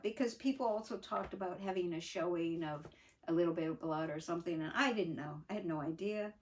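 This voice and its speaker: An older woman, a native English speaker, reads her own memoir aloud at medium pitch. She is earnest and reflective, pausing for emphasis and slipping in unscripted asides.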